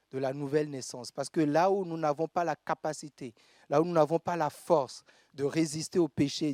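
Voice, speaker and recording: A man from Togo, preaching a sermon in a church and reading scripture aloud with measured pauses. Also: fairly high pitch, mellow, dry recording, studio quality. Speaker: pastor.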